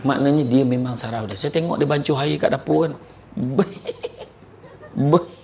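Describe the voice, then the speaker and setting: A man giving a live motivational talk, telling religious stories and anecdotes in an animated, colloquial and joking way. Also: mid-range voice, normal speed, creaky, a little hiss or hum. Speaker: motivational speaker.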